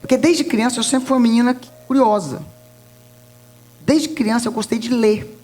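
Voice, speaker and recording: High-voiced Brazilian woman telling a testimony. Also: moderate pace, soft background music. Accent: Brazilian Portuguese. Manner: lively storytelling with laughs, acts out voices. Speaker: preacher giving a testimony. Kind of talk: sermon testimony. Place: church.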